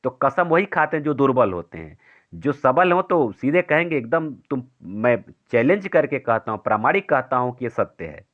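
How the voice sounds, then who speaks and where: A man teaching a Hindi poetry lesson for exam students, explaining step by step and asking and answering his own questions, and reciting verse slowly. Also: mid-range voice, very animated, phone-quality sound.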